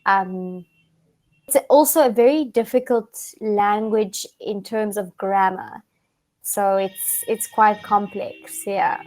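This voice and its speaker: This young woman from South Africa teaches English online, chatting casually over video in a medium-pitched, darkish voice. She's friendly, takes explanations slowly, and restarts often with plenty of fillers.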